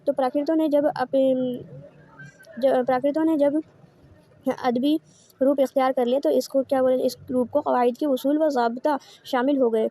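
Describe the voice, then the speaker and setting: A woman's voice: high-pitched, steady tone, pauses often, warm tone. A woman giving an online lecture, asking rhetorical questions, answering them herself, and repeating each point in new words. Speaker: teacher. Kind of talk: online lecture explaining course notes.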